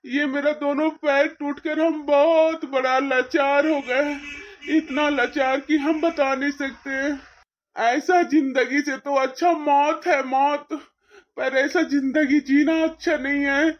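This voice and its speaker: A grieving cartoon father with broken legs, as an actor puts him on mourns in a high, thin voice. He laments his helplessness and soothes his crying daughters. The sound is dull and lo-fi, as if muffled. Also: steady tone, takes it slowly. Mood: despairing. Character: crippled father, helpless and despairing. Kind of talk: cartoon story voice acting.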